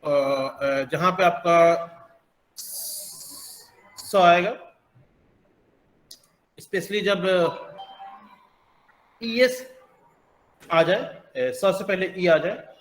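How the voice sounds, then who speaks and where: A man explaining English pronunciation in a measured, unhurried way, stopping often with drawn-out fillers. His voice sits a little high for a man and rings in an echoey room. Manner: slow, halting, many filler pauses. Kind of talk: explanatory classroom lesson.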